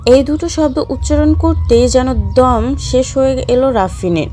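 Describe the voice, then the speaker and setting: A woman narrating an audio story in a steady storytelling manner. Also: high-pitched, a little slow, faint music behind.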